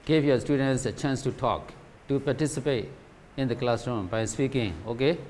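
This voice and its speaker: A man's voice: mid-range voice, moderate pace, darkish tone. A man from Myanmar giving a teacher training lecture, asking rhetorical questions and checking in with "right?" and "okay?" after nearly every point. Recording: faint background noise.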